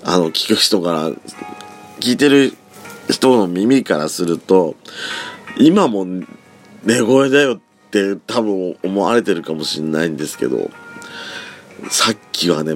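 A man hosting a casual solo talk show from a room at home, chatting in a rambling way with soft feminine speech endings, his raspy voice still sleepy from just waking up. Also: low voice, lively intonation, unhurried, pauses often. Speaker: solo podcast host. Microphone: phone app mic set back from the mouth. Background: faint background music.

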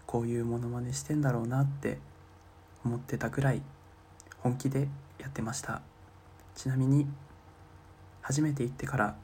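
A young man in his twenties telling short comic bits on his own podcast. His delivery is deadpan and self-mocking. He drops to murmured asides for his inner thoughts, at an ordinary middle pitch. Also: a little hiss or hum. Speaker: solo podcaster. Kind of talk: comic monologue.

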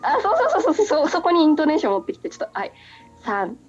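A woman's voice: high-pitched, big pitch swings, racing, a little mellow, dull audio, soft background music. A woman hosting a casual chat. She giggles a lot and teases her guest playfully. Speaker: podcast host.

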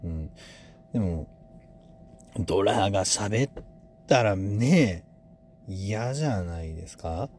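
A man's voice: on the low side, animated, slow, pauses often, a little mellow, a little hiss or hum. A man with a Kansai accent who hosts a casual solo talk podcast and muses aloud in a rambling, playful way. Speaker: podcast host.

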